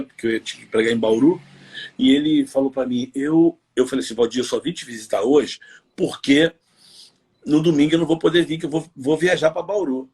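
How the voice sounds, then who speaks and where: A man's voice: medium pitch, darkish tone, husky. A middle-aged man, a pastor, giving an earnest personal testimony in a live interview, telling stories with plenty of fillers. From Brazil. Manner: earnest storytelling with many fillers.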